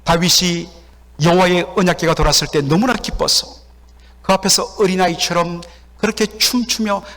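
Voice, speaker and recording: A Korean man preaching a sermon as pastor in a church sanctuary, telling stories and acting out the voices of the people in them. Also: high-pitched. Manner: animated storytelling, acts out quoted voices. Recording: long hall reverb.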